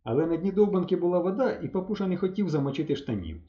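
A man reading a children's audiobook aloud with lively storytelling. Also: high voice, rapid-fire, roomy sound, muffled recording. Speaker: audiobook narrator.

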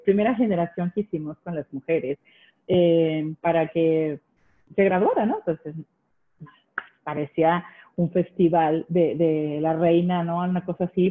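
A middle-aged woman from Monterrey with a northern Mexican accent, telling animated stories in casual conversation and laughing often. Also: fairly low pitch. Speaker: guest. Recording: tinny phone-like line.

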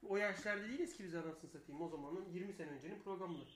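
A man's voice: high voice, racing, a bit bright, reverberant, a little hiss or hum. A man co-hosting a live radio show, telling long rambling stories and swearing freely. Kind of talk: casual live radio banter.

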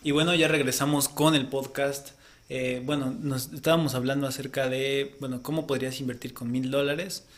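A man's voice: medium pitch, level tone, moderate pace. A man co-hosting a casual podcast, explaining at length and often ending points with a questioning tag. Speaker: podcast co-host.

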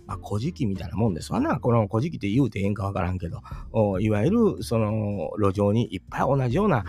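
Fast and gravelly, this middle-aged host's fairly low voice swings widely in pitch and sounds husky and a little mellow. With a Kansai accent and music in the background, he muses chattily about a fairy tale for his storytelling channel, often questioning his listeners.

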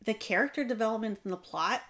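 A woman in her thirties chatting about books on a casual podcast. She is agreeable and wry, and hedges her views. Her voice sits a little high. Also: fast talker, fairly bright tone. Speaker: podcast co-host.

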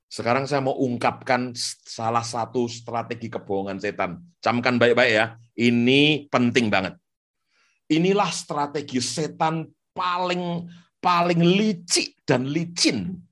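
A male pastor preaching a sermon on the radio in an animated way, repeating phrases for emphasis. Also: medium pitch, unhurried. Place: radio studio.

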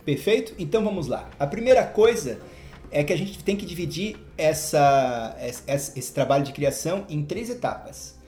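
A man's voice: fairly high pitch, lively intonation, moderate pace, darkish tone, faint music behind. A man hosting a casual podcast, explaining things in an upbeat way and drawing out key words. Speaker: podcast host. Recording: roomy echo.

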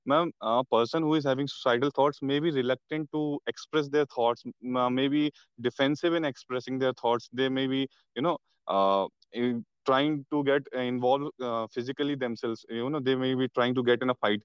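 An Indian man hosts an interview podcast with a clean, smooth voice of medium pitch. He is deferential and phrases things a little hesitantly. The recording is dry and somewhat dull. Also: steady tone, moderate pace, few pauses, dry recording. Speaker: podcast host.

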